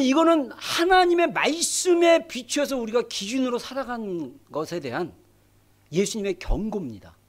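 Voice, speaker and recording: A middle-aged man preaching a sermon as pastor in a church, dramatic, acting out scripture quotes and rising to shouts. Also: very high-pitched. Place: church sanctuary.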